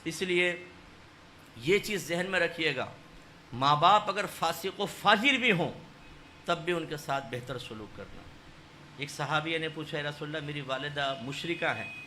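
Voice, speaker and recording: Man, preacher, high bright voice, sermon, faint background hiss. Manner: storytelling sermon, swings between loud exhortation and hushed narration. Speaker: Islamic preacher.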